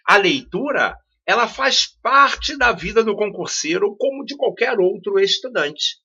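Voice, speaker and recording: Man, teacher, animated pitch, rhetorical questions, muffled lo-fi recording. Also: measured pace, breathy edge. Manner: didactic, rhetorical questions, repeats key phrases. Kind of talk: classroom-style video lesson. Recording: dull lo-fi audio.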